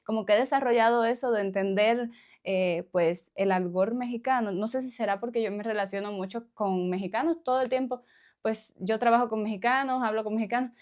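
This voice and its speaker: Talking to camera in a relaxed way, this woman from Cuba speaks with a Cuban accent, laughs a lot and slips in small questions for her viewers. She's a vlogger whose voice sits on the high side, with a darkish tone and a slightly fast pace.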